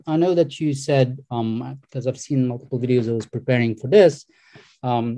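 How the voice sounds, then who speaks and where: Algerian-born guy interviewing over a video call, mellow voice, lots of ums. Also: medium pitch. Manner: hesitant, many ums and restarts. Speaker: podcast host interviewer. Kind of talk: remote interview conversation.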